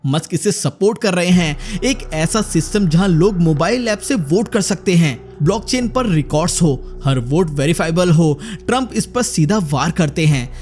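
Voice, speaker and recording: A man's voice: sits high, darkish tone. A man narrating a scripted news explainer with a dramatic, punchy delivery. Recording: faint background music.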